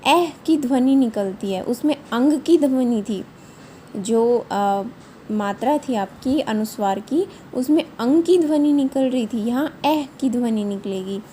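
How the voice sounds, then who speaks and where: A woman's voice: fairly high pitch, animated, a little slow, dark tone, slight background noise. A woman teacher giving a patient, step-by-step revision lesson to young children, often checking in with short questions. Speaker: primary school teacher.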